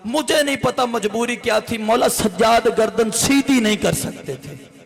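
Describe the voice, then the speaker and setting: A man's voice: very high voice, unhurried, creaky. A man, leading a mourning gathering as a religious orator. He chants the sermon in a tearful, wailing, sing-song voice. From Pakistan. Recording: echoey hall with long reverb.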